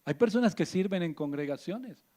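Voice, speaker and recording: Emphatic pastor preaching. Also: male voice, sits high, animated, normal speed, dark tone. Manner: emphatic, rhetorical questions to the listener. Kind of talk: radio sermon.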